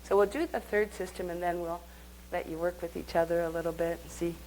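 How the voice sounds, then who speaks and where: A woman's voice: lowish voice, steady tone, a little fast, darkish tone, slight background noise, low-quality recording. A woman leading a live workshop, speaking conversationally and guiding the group through exercises. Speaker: workshop teacher.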